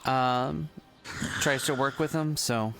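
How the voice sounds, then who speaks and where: A man plans aloud at a tabletop game, hesitant and unhurried. His voice is bright and mid-pitched, with faint music behind him. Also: gravelly. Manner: hesitant, thinking aloud with fillers. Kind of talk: casual game chat.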